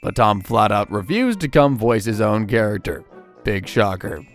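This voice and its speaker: A man's voice: fairly low pitch, sing-song, normal speed. Male narrator for a comedy commentary channel, sarcastic, faint music under him. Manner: sarcastic, wisecracking.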